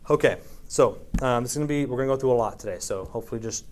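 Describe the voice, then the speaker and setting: Speaking very fast in a mid-range voice, a preacher gives a casual, conversational Bible-study sermon. He reads scripture aloud, uses lots of fillers, and keeps checking in with his listeners by asking "right?"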